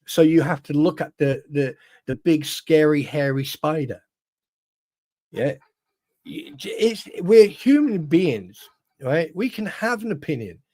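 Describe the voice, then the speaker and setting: Emphatic man, higher voice. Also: animated, unhurried, mellow. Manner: emphatic, swears, many restarts. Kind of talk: casual livestream chat.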